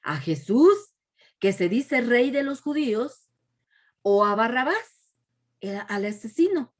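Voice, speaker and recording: A woman's voice: fairly high pitch, very animated, takes it slowly, exaggerated voice. A woman voicing a stern male Roman governor who questions a crowd in a children's Bible lesson. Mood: questioning. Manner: raised, questioning delivery.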